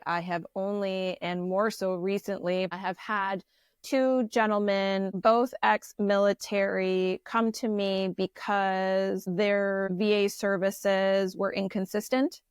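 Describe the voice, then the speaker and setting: A woman's voice: mid-range voice, slow pace, clean tone, no room sound. Candid woman therapist telling stories. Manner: animated, candid, many restarts. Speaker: therapist guest. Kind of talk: conversational storytelling interview.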